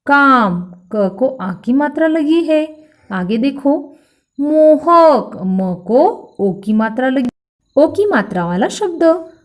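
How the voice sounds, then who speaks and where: A woman teacher giving a slow, clear grammar lesson to children, spelling words out letter by letter and calling each word out loudly for them to repeat. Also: high voice, sing-song. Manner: addresses children directly, asking them to repeat.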